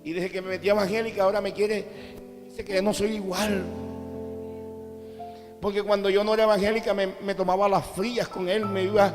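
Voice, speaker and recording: A man with a Colombian Caribbean coast accent preaching a sermon, telling stories and acting out quotes, sometimes rising to shouts. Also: sits high, flat delivery, a little fast, long pauses. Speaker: apostle preaching. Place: large church cathedral. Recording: long church reverb with faint music.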